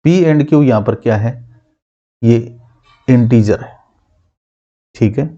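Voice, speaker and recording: A male math teacher giving a classroom lesson, asking his students questions and answering them himself, repeating key terms slowly. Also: mid-range voice, warm tone, dull audio.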